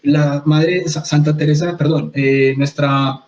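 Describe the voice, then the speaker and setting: A man with a Colombian accent teaching in an interview, animated, asking rhetorical questions. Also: a little high, takes it slowly. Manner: animated, rhetorical questions, mock-quotes others. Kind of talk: conversational teaching. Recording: slightly muffled sound.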